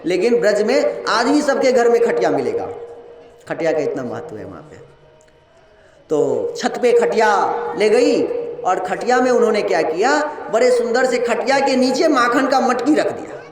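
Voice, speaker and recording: An animated man with a very high voice tells a devotional story to his listeners. He speaks to them directly, and a roomy echo surrounds him. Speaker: katha storyteller. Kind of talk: devotional story-telling sermon.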